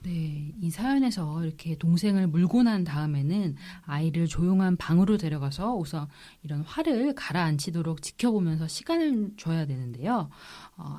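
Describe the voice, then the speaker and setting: A woman child psychiatrist on a podcast, giving calm, measured parenting advice. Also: on the low side. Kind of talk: podcast expert explanation.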